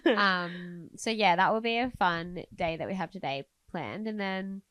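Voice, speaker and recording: A woman's voice: lowish voice, unhurried, fairly bright tone, no echo. A woman, congested from a cold, co-hosting a vlogcast in casual, chatty conversation. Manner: chatty, laughs often. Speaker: vlogcast co-host. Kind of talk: casual chat.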